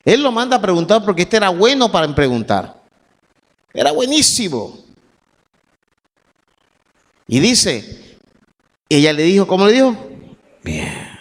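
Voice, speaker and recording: High-voiced man preaching a sermon. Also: big pitch swings, moderate pace, pauses often. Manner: reads scripture verses then preaches with rising, shouted emphasis. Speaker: pastor. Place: church sanctuary. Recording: long church reverb, faint music.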